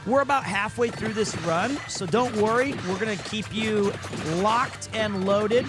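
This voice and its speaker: A man's voice: high-pitched, unhurried, over music. A man in his forties from Missouri, chatting loosely on a live stream, joking about himself and restarting his sentences. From Missouri, USA. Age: 40s. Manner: goofy, self-mocking, stumbles and restarts. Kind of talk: casual live-stream chat.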